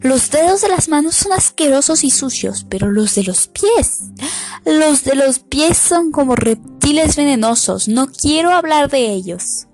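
A woman's voice: high voice, lively intonation, a little slow, a little mellow, faint music behind, pitched above the performer's own voice. A woman reading aloud and voicing a fussy, imperious lady colonist who speaks brusquely and with disgust. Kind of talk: audiobook character voice.

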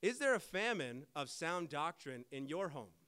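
A man's voice: a little high, big pitch swings, moderate pace, pushed and bright, smooth. A man preaching a sermon to his congregation, emphatic and putting rhetorical questions to the people in front of him.

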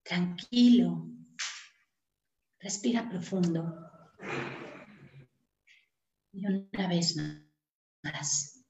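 A woman host guiding listeners in short, unhurried phrases with long pauses, as in a meditation. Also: lowish voice, a little mellow. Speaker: host leading a guided breathing meditation. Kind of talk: guided meditation, slow and soothing instruction. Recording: roomy, echoing sound.

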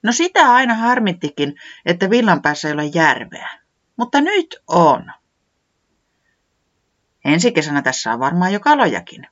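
A thoughtful storybook animal friend , voiced by the reader, talks in a somewhat raised, lively voice that muses and gently suggests plans. The sound is dull and lo-fi. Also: mid-range voice, pauses often, pitched above the performer's own voice. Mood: wistful. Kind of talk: storybook reading.

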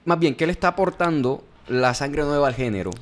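A man's voice: fairly high pitch, animated, a little fast. A man hosting a podcast, asking questions in a joking, teasing way. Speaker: podcast host. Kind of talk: casual podcast interview.

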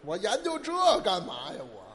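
Man, crosstalk straight man, animated retorts, hall reverb, faint background noise. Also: sits high. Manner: quick short retorts, exasperated. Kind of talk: stage crosstalk performance.

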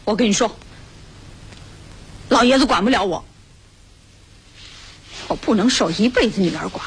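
An actress playing a brash, bossy young woman who scolds loudly, with a husky voice and a Beijing accent, in a radio drama. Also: mid-range voice, lively intonation, moderate pace, poor audio. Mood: scolding. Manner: loud, scolding, cajoling.

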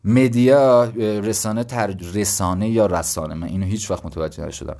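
His voice is fairly low, creaky and a bit dark: an Iranian man in his twenties hosting a solo podcast. He talks casually and explains his ideas as if thinking aloud, with self-deprecating remarks along the way.

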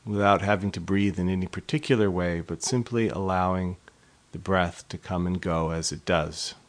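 A man guides a body scan meditation as the instructor, his voice low and his intonation fairly even. He speaks in a measured, gently instructive way, pausing between phrases.

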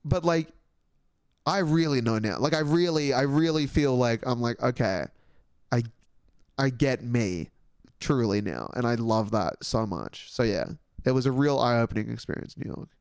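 A young Australian man hosting a podcast, chatting in a rambling, excitable way and swearing casually. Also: medium pitch, normal speed, clear, resonant tone, dry recording, clean studio sound. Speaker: podcast host. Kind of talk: casual solo podcast chat.

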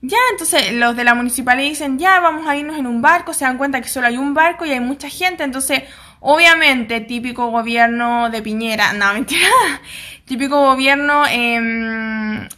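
At a moderate pace and fairly high pitch, her voice pushed and bright, a young Chilean woman with a Chilean accent loosely retells what happens in a drama. She chats along, playing out the characters' lines and dropping slangy asides.

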